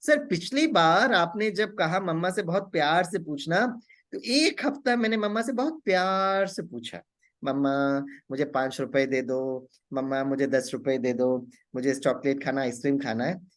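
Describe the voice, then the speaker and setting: A man's voice: fairly high pitch, normal speed, fairly bright tone, close to an everyday voice. A man voicing a stubborn, candid seventh-grade schoolgirl in a plain storytelling tone, barely changed from his own voice. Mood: complaining.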